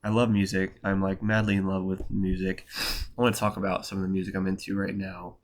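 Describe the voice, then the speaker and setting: A young photographer vlogger speaks briskly in a deep, level voice made nasal by a cold. His loose, rambling vlog style is full of fillers and slang.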